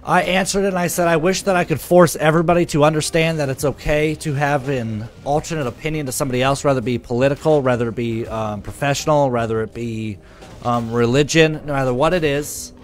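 A man's voice: fairly high pitch, fairly even intonation, fast. A man live streaming, chatting casually with his viewers, swearing freely and reading their comments aloud. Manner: loose, profane, reads chat comments aloud.

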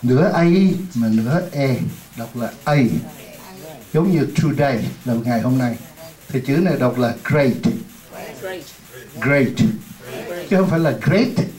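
A man teaching an English lesson in Vietnamese, repeating words slowly for a class to echo and adding chatty, joking asides. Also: medium pitch, lively intonation, warm tone. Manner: drills words slowly, many times over, for the class to repeat.

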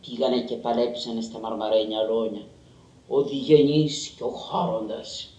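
Man reading a story slow and dramatic, mid-pitched, roomy far-off mic. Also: steady tone, mellow. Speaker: reader. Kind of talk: literary reading. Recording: roomy and distant.

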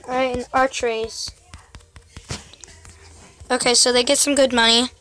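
A woman's voice: on the high side, flat delivery, a little slow, pushed and bright, slight background noise. A young woman casually commentating her gameplay for her channel, chatty and constantly calling out to her viewers. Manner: chatty, keeps addressing viewers as guys. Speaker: gaming channel host.

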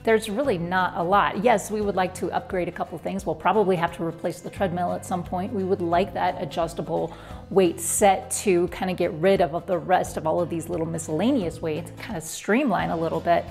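A woman's voice: lowish voice, fairly even intonation, fairly quick, creaky, darkish tone, soft background music. Upbeat woman touring her home gym. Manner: upbeat, chatty, direct to camera. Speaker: fitness vlogger. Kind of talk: home room tour vlog. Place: basement home gym, indoors. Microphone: lapel mic.

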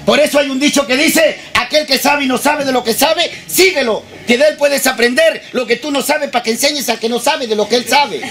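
Brash high-voiced street comic. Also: male voice, brisk, hardly any pauses, soft background music. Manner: crude, shouting, teasing the audience. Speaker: street comedian. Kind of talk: stand-up street comedy. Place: outdoor plaza with a live crowd. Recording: noisy outdoor crowd recording.

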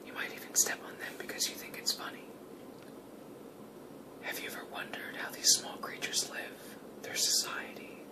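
A narrator speaks entirely in a whisper, as if watching wildlife up close. The delivery is a scripted ASMR nature lesson, hushed from start to finish. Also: poor audio.

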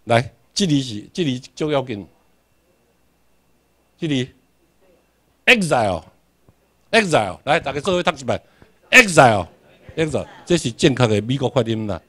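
A man's voice: mid-range voice, lively intonation, moderate pace, pauses often. A man from Tainan with a Taiwanese accent, giving a classroom lecture, emphatic, putting rhetorical questions and answering them himself. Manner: emphatic, repeats key words for drilling.

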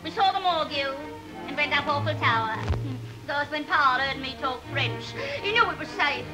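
A woman's voice: high-pitched, lively intonation, normal speed. A woman performing a saucy music hall comic song in a mock-genteel manner, half-sung and half-spoken, heard from an early 1930s talkie film soundtrack with music behind her. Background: music accompaniment.

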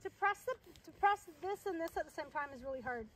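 High-voiced chatty woman outdoors. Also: animated, fast talker, heavy background noise. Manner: chatty, upbeat, explaining step by step. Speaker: vlogger. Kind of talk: casual how-to demonstration. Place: backyard garden outdoors.

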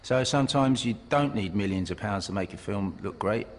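A man who acts in a film, telling a relaxed behind-the-scenes story with hesitant fillers. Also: on the low side, moderate pace, long reverb tail. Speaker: film actor.

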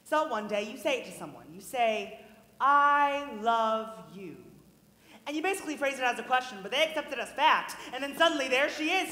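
Actress as a lonely male show-tune fan, high bright voice, confiding; reverberant theatre hall. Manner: confiding, wistful storyteller asides. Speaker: stage actor. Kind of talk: live stage musical acting. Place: university theatre stage.

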